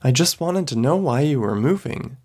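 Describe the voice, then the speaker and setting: A man's voice: medium pitch, animated, normal speed, darkish tone, husky, pitched above the performer's own voice. A man reading a story, voicing a hesitant, nervous woman neighbor. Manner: timid, hesitant.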